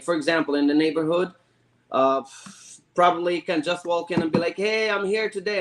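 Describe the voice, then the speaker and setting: Halting, eager man from Morocco. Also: on the high side. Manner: halting, repeats words, eager. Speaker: guest. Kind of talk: casual interview.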